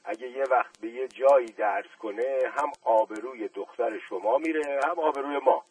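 A man's voice: mid-range voice, darkish tone, husky, recorded from a distance, close to an everyday voice, poor audio. A man voicing a humble male suitor who speaks in a deferential, formal, earnest way, in a storybook reading. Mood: pleading.

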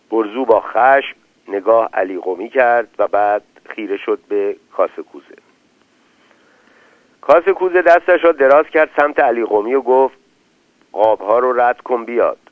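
A man's voice: mid-range voice, no echo. A man reading a story aloud as a scripted narration, giving the characters' lines with small shifts of his voice. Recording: tinny phone-like dry recording.

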